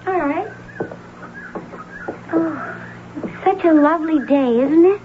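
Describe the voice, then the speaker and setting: Dazed young woman in a trance, high voice, soft and compliant, tinny old radio sound. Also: takes it slowly, background noise. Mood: dreamy. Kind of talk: 1940s radio acting.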